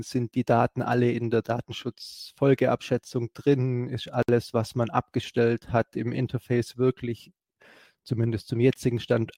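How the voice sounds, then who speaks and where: A man talking through a policy matter in a gravelly, mellow voice, recorded close and dry. He keeps pausing with fillers and restarting his sentences. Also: medium pitch, no echo. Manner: hesitant, many fillers and restarts. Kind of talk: explanatory talk.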